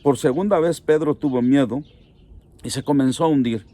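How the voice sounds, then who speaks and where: A man's voice: mid-range voice, moderate pace, dark tone. A middle-aged man, a pastor preaching a sermon in an earnest, pleading way, speaking straight to the listener.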